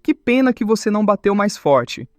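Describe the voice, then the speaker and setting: A man's voice: sits high, big pitch swings, normal speed, dry recording, studio quality. A man playing a cocky young male fighter who teases and taunts. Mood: mocking. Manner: teasing, taunting.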